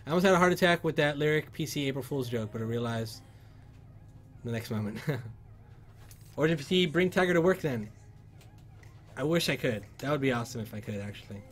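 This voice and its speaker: A man hosting a casual livestream, reading viewer comments and chatting loosely, with sudden loud shouts of excitement. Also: mid-range voice, fairly quick, long pauses. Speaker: livestream host. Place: PC workshop.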